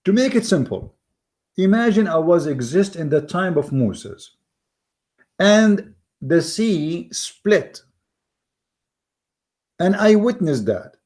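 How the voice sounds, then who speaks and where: A man with an Arabic accent and a voice a little high for a man reads from an article in argumentative commentary, taking the mocking, emphatic tone of an online commentator. He hammers points by repeating words and often stumbles and restarts in his non-native English. His delivery is slow with long pauses, big pitch swings and a darkish tone.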